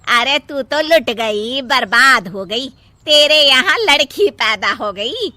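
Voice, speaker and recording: A woman voicing a proud, scornful older grandmother in an animated story, who talks in scolding lectures. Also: high-pitched, takes it slowly, no room sound, exaggerated voice.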